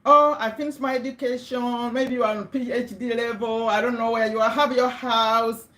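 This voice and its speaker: Hosting a relaxed motivational livestream on her webcam, a middle-aged woman from Uganda with a Ugandan accent chats with viewers, checks in on them and repeats words for emphasis. Her voice is on the high side and a bit bright, fairly even in intonation at a moderate pace, and the room echoes.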